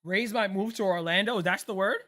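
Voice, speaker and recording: Soft music plays behind a man in his late twenties hosting a casual live stream. His high-pitched voice moves a little fast as he reacts to a ball game, answers viewers, and says "bro" in an easy, chatty manner.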